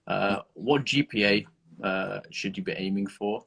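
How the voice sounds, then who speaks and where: A man's voice: fairly low pitch, measured pace, gravelly, a bit bright, breathy edge. A man hosting a podcast, chatting in an easygoing way with lots of loose hedges. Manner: easygoing, hedging with fillers. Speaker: podcast host. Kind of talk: casual podcast chat.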